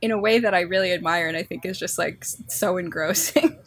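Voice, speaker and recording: A woman co-hosts a podcast, keen and chatty, often circling back to restart her thought. Her voice sits a little low with a husky, breathy edge. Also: fairly quick. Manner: enthusiastic, rambling with many restarts. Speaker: podcast co-host. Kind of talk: casual interview chat.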